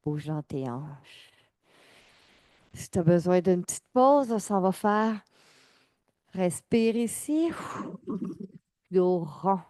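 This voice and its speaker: A woman leads an exercise class, giving calm, measured cues and counting down reps. She speaks very slowly in a fairly low, mellow voice. The sound is dry and close. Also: dry recording. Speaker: fitness instructor.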